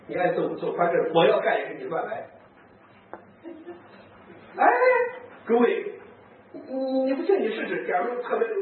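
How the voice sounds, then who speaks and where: Animated priest, distant echoey hall. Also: male voice, high voice, narrow, tinny audio, a little hiss or hum. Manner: animated storyteller, acts out quoted speech, chuckles. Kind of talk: lively talk with anecdotes to priests and nuns.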